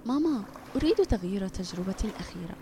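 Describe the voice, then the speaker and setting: A woman voicing an eager, hopeful young boy in a children's audio story, with an excited, bright way of talking. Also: mid-range voice, quick pace, background noise, natural voice. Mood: gentle.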